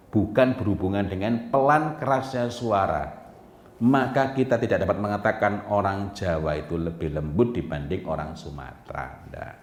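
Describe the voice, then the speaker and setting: Man preaching, low but very lively voice, roomy echo. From Indonesia. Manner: animated, acts out little scenes with swings between soft and loud. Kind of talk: Islamic parenting lecture. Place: lecture hall. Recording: echoey lecture hall.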